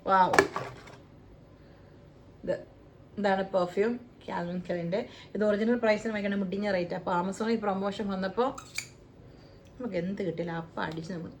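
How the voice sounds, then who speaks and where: A woman's voice: medium pitch, fairly even intonation, moderate pace, long pauses, a little hiss or hum. A woman with a Malayali accent chatting casually through a shopping haul, playful and joking about how to pronounce brand names. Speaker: vlogger. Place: home, living in the UAE.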